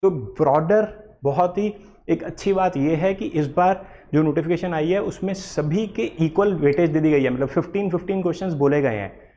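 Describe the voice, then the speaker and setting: A man lectures through an exam syllabus at a quick clip. He rattles off technical topic lists and mixes in terms, his voice sitting a little higher than most men's. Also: dark tone, dull audio. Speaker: exam coaching director.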